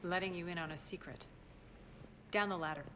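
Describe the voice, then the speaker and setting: Woman playing a low-voiced imperious female crime boss. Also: steady tone, brisk, slight background noise, close to an everyday voice. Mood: cool, sardonic. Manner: curt, imperious. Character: commanding, hard-edged female crime boss in sci-fi game. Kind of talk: video game character acting. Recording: loud music behind the voice. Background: loud game music.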